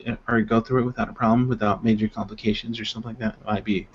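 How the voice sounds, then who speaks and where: Heard through muffled video-call audio, this co-host of a casual web show, a grown father of two, rambles and jokes with many fillers in a playful way. His pitch is fairly low, his delivery flat and rapid-fire, with slight background noise.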